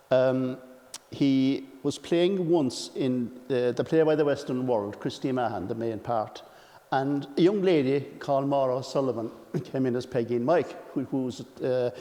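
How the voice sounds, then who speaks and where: A man with an Irish accent giving an informal biographical account from memory, often clearing his throat. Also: mid-range voice, mellow. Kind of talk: informal spoken biographical reminiscence. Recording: reverberant hall.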